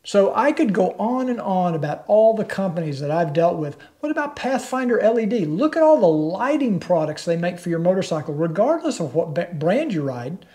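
A man's voice: high voice, big pitch swings, moderate pace, few pauses, dark tone. An older man talking straight to the camera from his living room, hosting a motorcycle channel in a plain-spoken, persuasive way. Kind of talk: direct-to-camera vlog.

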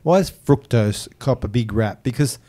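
Male podcast co-host, 40s, mid pitch, jokey questioning banter, close studio mic. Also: lively intonation, moderate pace, dark tone. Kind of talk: casual bantering chat. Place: small indoor podcast studio. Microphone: close boom-arm studio mic with headset.

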